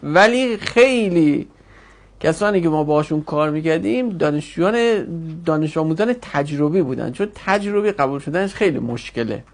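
Slowly repeating forms for his students, a man with a fairly high-pitched voice teaches Arabic grammar in a classroom lecture, explaining each step by step.

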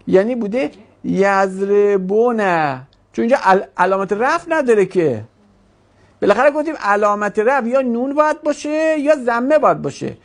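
Teacher, classroom grammar lesson, gravelly and expressive, quizzing style. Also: mid-range voice. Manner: questioning, drawn-out explaining.

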